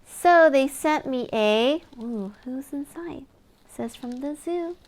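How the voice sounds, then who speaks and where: A woman shares a picture book with young children, reading in an expressive, storytelling way and putting on exaggerated wonder. She is high-pitched and takes a slow pace.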